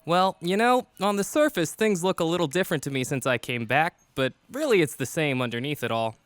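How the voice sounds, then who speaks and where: A man playing a relaxed officer who was brought back from the dead. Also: on the high side, brisk, dry recording. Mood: easygoing.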